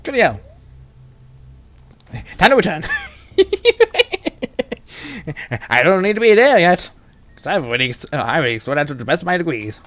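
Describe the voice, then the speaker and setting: A man's voice: fairly high pitch, lively intonation, fast, long pauses, a bit bright, highs cut off. Playful Englishman rambling over gameplay. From England. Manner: rambling, playful self-talk with giggles. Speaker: video game streamer. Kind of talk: casual live gameplay commentary.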